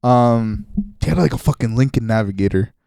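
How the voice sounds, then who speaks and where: A young man in his twenties chats on a podcast with a mellow, relaxed voice. He tells stories in an animated way, acting out what others said and laughing often. The room sounds dry and close. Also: medium pitch, fairly quick, gravelly, smooth, dry recording. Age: 20s. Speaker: podcast co-host. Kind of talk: casual chat.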